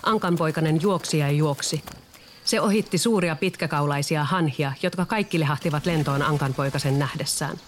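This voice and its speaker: A storyteller reading a children's storybook aloud in a calm, even way. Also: mid-range voice, slight background noise.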